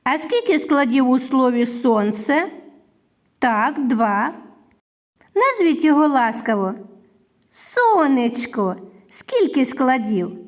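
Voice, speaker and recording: A woman teaching young children a reading lesson, slowly drawing out syllables and sounds with sing-song praise. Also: sits high, sing-song.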